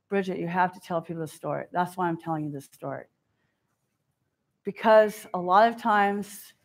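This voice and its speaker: Woman giving a keynote, lively storyteller who acts out what people said, medium pitch. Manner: animated storyteller, acts out quotes. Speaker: keynote speaker. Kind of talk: personal storytelling talk. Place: stage before an audience.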